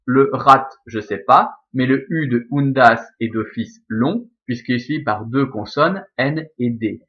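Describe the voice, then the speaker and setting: A Latin teacher with a Belgian French accent explains verse scansion in a recorded lesson, speaking at a middle pitch and measured pace. Patient and methodical, he fills his sentences with small hesitations and frequent self-corrections. The recording sounds slightly dull and lo-fi.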